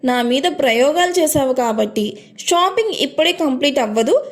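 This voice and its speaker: A bubbly, bossy young woman who loves to tease her fiancé, as a woman narrator puts her on. Her voice sits high and bright, with a playful push. Told as a spoken romance story. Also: steady tone, moderate pace, natural voice.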